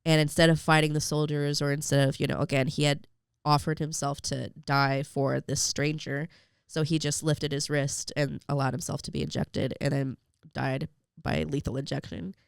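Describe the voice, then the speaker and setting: Young woman w/ a bit of vocal fry, smooth voice, chatty, lots of "like"s, dry close mic. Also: deep voice, little pitch movement, normal speed, no room sound. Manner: emotional storytelling with many fillers. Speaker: podcast guest. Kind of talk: personal faith story in an interview.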